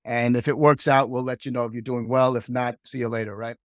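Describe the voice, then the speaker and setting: A man's voice: medium pitch, flat delivery, fairly quick, no echo, studio quality. A middle-aged man from Hong Kong, a podcast guest, telling his career story in a chatty way and tagging many sentences with "right?". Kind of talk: casual storytelling.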